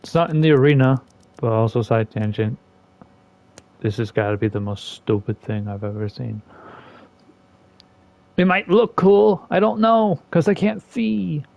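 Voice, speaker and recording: A man's voice: a little slow, gravelly, pauses often, dry recording, lo-fi sound. A man ranting sarcastically about a game while playing it, in an exasperated, casual commentary style. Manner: exasperated and sarcastic, with lively swings in pitch and loudness. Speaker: gaming content creator.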